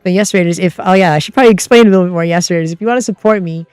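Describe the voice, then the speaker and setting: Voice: medium pitch, very fast, a little mellow, clear, resonant tone, dry recording, faint music behind. A streamer and game master of unclear sex chatting casually and explaining tabletop game rules in a rambling way.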